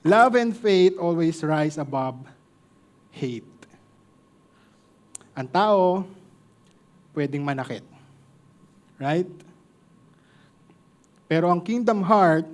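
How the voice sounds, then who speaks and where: A man's voice: a little high, expressive, very slow, pauses often. A man with a Filipino accent preaching a sermon to a congregation, mixing two languages and joking with the listeners.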